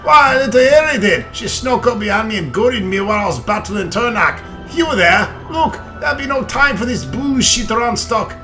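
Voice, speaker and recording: High, agitated ghostly dwarf warrior. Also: male voice, expressive, normal speed, hardly any pauses, bright, forceful tone, soft background music, full character voice. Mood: warning, urgent. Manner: archaic dialect with 'ye' and 'be', exclamatory.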